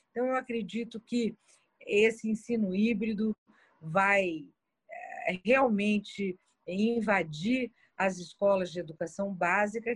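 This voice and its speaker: A woman's voice: medium pitch, breathy edge, dry recording. A woman, speaking reflectively as a guest in a panel discussion on education.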